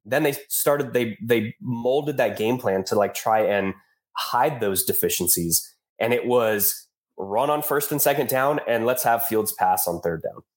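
A man's voice: medium pitch, measured pace. A man with a stuffed-up nose from a cold, co-hosting a podcast with casual, informal sports analysis. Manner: informal, says dude and man. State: congested from a cold. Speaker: podcast co-host.

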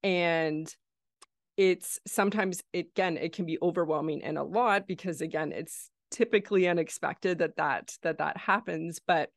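A woman's voice: lowish voice, moderate pace, dry recording, clean studio sound. A woman hosting a podcast interview, thanking her guest and summarizing her story in a supportive, affirming way. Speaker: podcast host.

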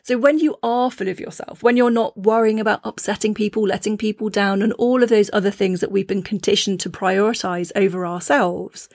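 Woman podcast host, mid pitch, dry close sound. Casual, encouraging coaching tone, acts out quoted voices. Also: fairly even intonation, fairly quick, few pauses, darkish tone, no echo. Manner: earnest, encouraging. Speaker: mother. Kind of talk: casual spiritual coaching talk.

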